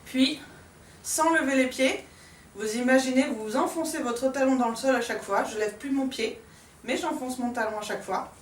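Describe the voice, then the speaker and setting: A woman's voice: high voice, moderate pace, recorded from a distance, a little hiss or hum. Woman teaching dance in an echoey room. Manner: calm, demonstrating moves while counting out accents with "pam" and "tac". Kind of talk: step-by-step dance lesson.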